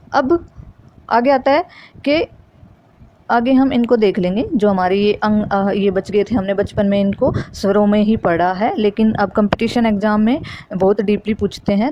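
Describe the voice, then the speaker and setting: A woman's voice: medium pitch, a little mellow, lo-fi sound, slight background noise. A woman teaching a Hindi grammar lesson for exam preparation, explaining step by step and repeating key terms.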